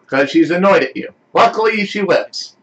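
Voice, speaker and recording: Male game master, high and animated, casual tabletop narration. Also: normal speed, highs cut off, a little hiss or hum. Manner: animated, laughing, lively pitch swings.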